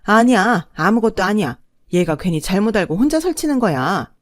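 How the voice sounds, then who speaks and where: A woman's voice: mid-range voice, sing-song, fairly quick, dry recording, lightly acted. A woman voicing a flustered, scheming older mother-in-law who talks defensively, recorded dry.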